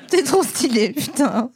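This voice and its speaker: A woman's voice: high-pitched, darkish tone, slightly rough. A woman hosting a casual chat, playful and teasing, swearing and laughing often. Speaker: host.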